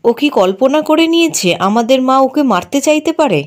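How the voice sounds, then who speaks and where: A woman's voice: high voice, animated, moderate pace. A woman voicing a worried young boy in a serial recap, asking anxious questions, close to her own voice. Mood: brooding. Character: worried young boy, brooding over his sister.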